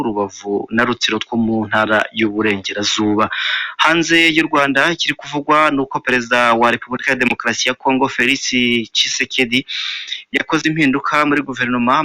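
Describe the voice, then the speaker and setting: A man reading a formal radio news bulletin at a brisk, steady clip. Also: medium pitch, no echo. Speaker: radio newsreader.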